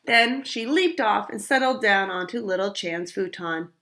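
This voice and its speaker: A woman reading a picture book aloud for children, pausing to ask listeners questions about the story. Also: mid-range voice, animated, bright, forceful tone. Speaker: storytime reader. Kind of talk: read-aloud storytime narration.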